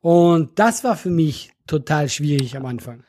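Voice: medium pitch, animated, a little slow, mellow. A podcast co-host from Switzerland with a Swiss accent, chatting casually, explaining patiently and firing back playful comebacks. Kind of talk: casual chat.

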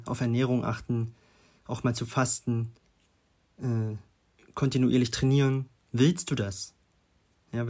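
Young male podcast host, casual self-help chat, mid-pitched, loose and filler-heavy delivery. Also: darkish tone. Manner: loose and chatty, many fillers, frequent tag questions.

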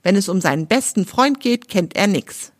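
A woman's voice: medium pitch, animated, normal speed, no echo, studio quality. A woman from Germany, hosting a children's podcast, reading a story aloud and talking directly to the young listener in a friendly way.

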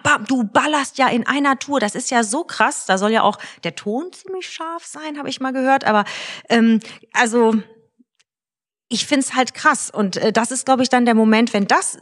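Female co-host, slightly high voice, lively banter, constant quick interjections. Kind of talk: casual chat.

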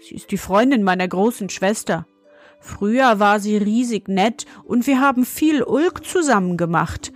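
A woman voicing a cheeky, sulky young schoolboy in a storybook reading, raising her voice high and defiant.

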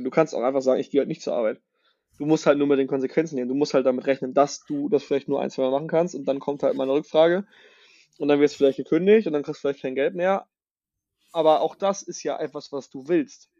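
A man co-hosting a podcast in casual discussion, talking in quick, loose restarts. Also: fairly high pitch, fairly even intonation, dark tone, lo-fi sound. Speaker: podcast co-host. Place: shared house in Marbella.

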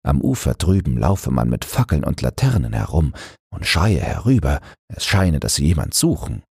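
A man's voice: big pitch swings, normal speed, a little mellow, no room sound, studio quality, exaggerated voice. An actor playing a poor, pious river boatman telling his tale in a storybook reading. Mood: earnest. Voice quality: deep, gravelly.

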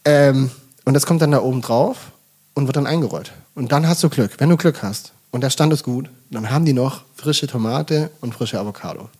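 A husky-voiced man from Swabia chats as a podcast guest, telling stories with lively enthusiasm. He swears casually and tosses in English phrases. His delivery is relaxed and conversational. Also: medium pitch, a little fast. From Swabia, Germany. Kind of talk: casual chat.

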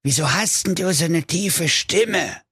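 A man voicing the big bad wolf of a fairy tale in a high, whiny voice, with a Saxon accent. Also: unhurried, pushed and bright, husky, dry recording, studio quality, exaggerated voice. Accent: Saxon German. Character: big bad male wolf, greedy then frightened.

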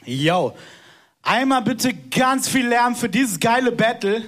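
High-voiced man judging a battle. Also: expressive, slow, fairly bright tone. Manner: hesitant, with fillers. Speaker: judge. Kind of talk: casual live verdict.

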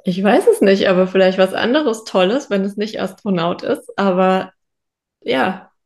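Her voice is mid-range and a little mellow, delivered at normal speed. She's a podcast co-host chatting informally and reflectively, figuring things out as she speaks.

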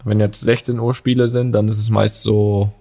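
Male podcast co-host, gravelly, rambling casual talk with frequent restarts. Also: on the low side, flat delivery, moderate pace, warm tone. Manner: rambling, restarts, teasing banter. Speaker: professional footballer.

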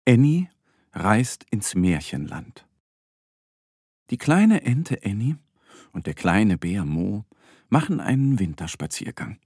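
A man narrating a children's story in a slow, gentle, expressive bedtime-reading manner. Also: fairly low pitch, husky, no echo, studio quality.

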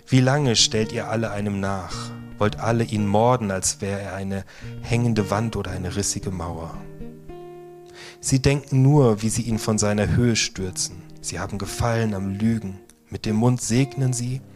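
A pastor gently guiding listeners through a meditation in a theater, speaking softly and sometimes in a whisper. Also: male voice, on the low side. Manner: slow, soft, at times whispered guidance. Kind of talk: guided meditation within a sermon. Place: theater stage. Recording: guitar music playing underneath. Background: soft guitar music.

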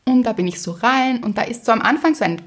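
A woman, co-hosting a podcast and telling a story in a casual, lively way, laughing often. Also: a little high, fast talker. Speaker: podcast co-host. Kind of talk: casual chat.

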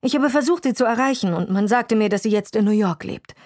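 A woman reading a storybook voices a sharp, self-assured woman chemist with a clipped, accusing manner. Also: fairly high pitch, fairly quick, no echo, clean studio sound, pitched above the performer's own voice, close to an everyday voice. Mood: brisk.

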